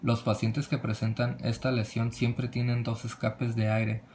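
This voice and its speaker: A man presenting a medical lesson from slides, reading in a halting way with frequent restarts and cut-off words. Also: medium pitch, completely flat delivery, a little mellow, a little hiss or hum.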